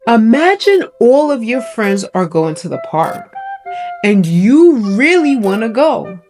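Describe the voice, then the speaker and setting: Female kids' lesson host, kindergarten-teacher delivery, unhurried pace, music behind her. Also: on the high side, very animated, a little mellow. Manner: kindergarten-teacher delivery, simple questions and encouragement. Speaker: host of a children's Bible show. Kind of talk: children's lesson, talking directly to young viewers.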